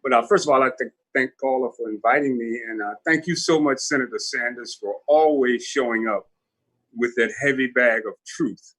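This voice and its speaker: A man's voice: medium pitch, normal speed, a bit bright. A man in his seventies, from Newark, telling his personal story as a guest speaker at a virtual town hall, candid and reflective. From Newark, New Jersey. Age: 70s.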